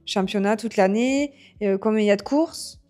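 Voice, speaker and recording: A woman's voice: mid-range voice, moderate pace, mellow, soft background music. A woman hosting a casual interview, chatty and often answering with short agreements. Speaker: interviewer, host.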